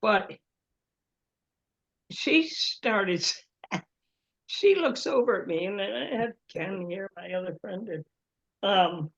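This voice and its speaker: A woman chats in an easygoing way, telling a story full of laughs and little acted-out quotes. Her voice sits at an average pitch. The audio sounds a bit dull and lo-fi. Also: lively intonation, slow, long pauses, fairly bright tone. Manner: chatty storyteller, laughs often, acts out quotes. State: prone to coughing. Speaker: group member. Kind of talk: casual group chat.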